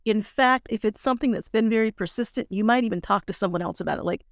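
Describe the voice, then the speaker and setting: A woman in the host's chair of a coaching podcast, speaking with steady conviction at a middle pitch. She leans on repetition and stretches certain words to drive points home. The sound is close and dry, with no room around it. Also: creaky, no echo. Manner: emphatic, repeats key phrases, speeds up and slows down to stress words. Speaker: podcast host and life coach. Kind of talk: motivational coaching podcast talk.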